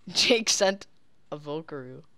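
A woman's voice: deep voice, expressive, slow pace, fairly bright tone, a little hiss or hum. A woman chatting casually and playfully with a friend while they play a video game, often breaking into giggles. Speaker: gamer.

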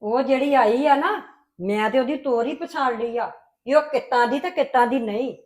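A sharp-tongued older grandmother in a homemade family drama, grumbling with suspicion about a newcomer, played by a woman. The voice sits high and stays in everyday talk. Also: moderate pace, natural voice. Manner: scolding, gossipy complaint. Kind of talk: amateur family web drama.

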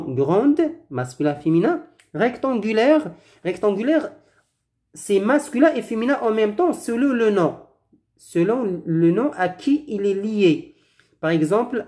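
A woman's voice: mid-range voice, darkish tone. A woman teaching a French grammar lesson, patiently asking and answering drill questions and repeating words for pronunciation.

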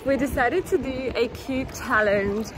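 A woman's voice: a little high, unhurried, background noise. A woman from Bulgaria, a lifestyle vlogger, chatting casually and tasting food with enthusiasm. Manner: savoring, enthusiastic about food. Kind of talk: casual food vlog chat.

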